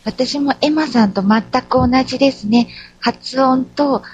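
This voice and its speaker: A woman guest in a conversational interview, answering in a measured, careful way. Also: high voice, husky, lo-fi sound.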